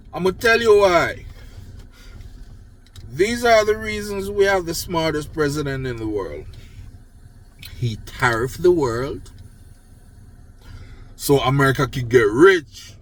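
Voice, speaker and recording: Here an older man from Jamaica, speaking with a Jamaican accent in a slightly high, somewhat bright voice, rips into politics over his phone. As a political commentator, he's blunt and swears freely, wrapping his unedited rant in sarcastic, mocking praise.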